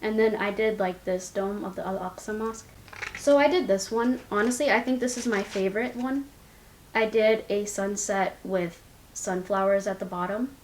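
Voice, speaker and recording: A woman's voice: mid-range voice, normal speed, reverberant, slight background noise, rough recording. A young woman vlogging casually at home, chatty and rambling, with giggly asides, recorded on a compact camera's built-in mic. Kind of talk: casual chat. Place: indoors at home, her room.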